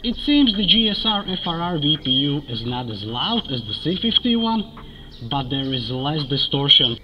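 A man's voice: on the high side, big pitch swings, normal speed. A man giving a spoken test demonstration through a gas mask with a voice amplifier, in a large derelict industrial hall. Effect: muffled gas mask with voice amplifier. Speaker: product tester. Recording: dull, very noisy location sound.

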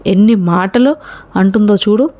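A woman voicing a hot-headed young college man who talks in a gruff, threatening way. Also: medium pitch, a little slow, dark tone, dull audio, lightly acted. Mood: angry.

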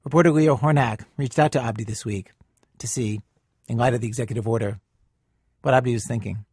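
A man hosting a radio show, reading scripted narration in a measured, conversational way. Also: medium pitch, fairly even intonation, darkish tone, breathy edge, dry recording, studio quality. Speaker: radio host.

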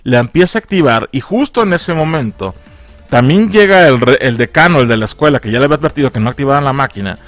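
A man's voice: medium pitch, no echo. Slangy Mexican man recapping a film. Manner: animated and slangy, acting out characters' lines in a raised voice. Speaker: film reviewer.

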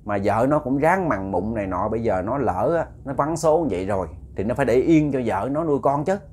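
A man's voice: medium pitch, animated, fairly quick, darkish tone, faint music behind, close to an everyday voice. A man with a Southern Vietnamese accent voicing a middle-aged village woman, chatty and indignant as she gossips.

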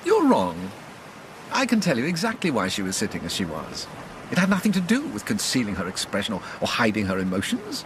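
Doctor Watson, animated English companion. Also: male voice, lowish voice, a little fast, background noise. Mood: firm, earnest. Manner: earnest, mildly indignant. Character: earnest, plain-spoken male doctor, detective's loyal companion. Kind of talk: British radio drama acting.

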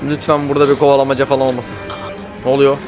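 A man giving live commentary while playing a horror game, jumpy and panicky, often yelling and swearing. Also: medium pitch, monotone, racing, over music.

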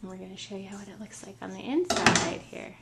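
A woman's voice: mid-range voice, a little fast, vocal fry, heavy background noise. A woman filming a casual home video, chatting upbeat with her child and the camera. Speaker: vlogger and mother. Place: garden, then indoors at home.

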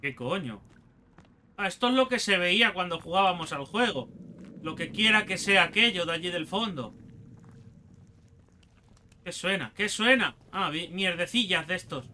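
A man's voice: high-pitched, animated, moderate pace, pushed and bright, a little hiss or hum. A man with a Spain Spanish accent giving crude, joking let's play commentary and taunting the enemies he fights. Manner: swearing, joking, talks to enemies. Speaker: gaming youtuber.

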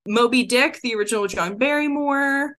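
A woman co-hosting a podcast, chatting casually and reading through a quick list with enthusiasm. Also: fairly high pitch, a bit bright. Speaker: podcast co-host. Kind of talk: casual chat.

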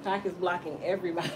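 A woman hair stylist with a lowish voice chats casually in a salon tutorial livestream, explaining her work in a small salon and laughing at viewer comments. Background noise can be heard.

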